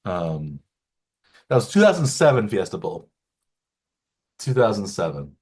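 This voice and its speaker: A man's voice: lowish voice, big pitch swings, a little slow, a little mellow, husky. A middle-aged man co-hosting a sports podcast, rambling through picks with lots of restarts and fillers. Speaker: podcast co-host. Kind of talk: casual sports chat.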